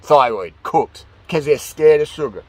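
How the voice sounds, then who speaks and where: A man giving a casual, opinionated monologue as a fitness vlogger, talking in an excitable, slangy, ranting way. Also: a little high, a little slow, a little hiss or hum.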